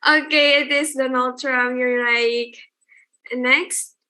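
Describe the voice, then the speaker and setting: A woman's voice: high voice, steady tone, takes it slowly, sharp tone. A young woman hosting an online student event, calling on delegates one by one and encouraging them.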